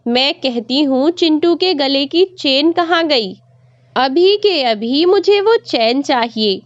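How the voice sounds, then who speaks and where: A woman voicing a harsh young daughter-in-law who shouts scornful accusations at her mother-in-law. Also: high voice, very animated, slow, no echo, lo-fi sound, exaggerated voice. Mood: angry, accusing.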